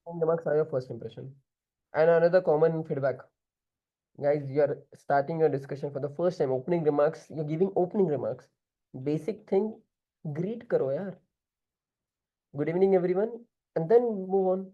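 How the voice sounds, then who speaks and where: A man's voice: fairly high pitch, brisk, dull audio. A man with an Indian accent giving direct group discussion feedback as an interview prep mentor, switching now and then into Hindi.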